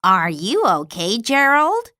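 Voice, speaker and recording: A woman's voice: fairly high pitch, wildly swooping pitch, slow, bright, forceful tone, no room sound, studio quality, full character voice. A woman voicing a cheerful, caring female pig friend, asking eager questions in a storybook read-aloud. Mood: caring concerned.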